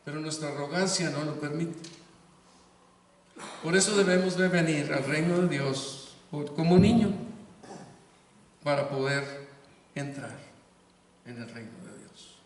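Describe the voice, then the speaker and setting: A man's voice: on the high side, measured pace, long pauses, a little hiss or hum. An older man, a grandfather, preaching an earnest sermon, telling stories and making emphatic calls to his congregation. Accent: Mexican Spanish. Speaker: pastor. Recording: echoey hall from far off.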